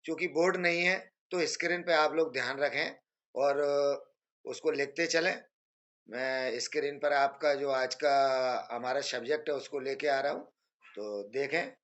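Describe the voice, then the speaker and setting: A male teacher giving a screen-based grammar lesson, explaining patiently and repeating examples slowly. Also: mid-range voice, fairly bright tone, muffled recording.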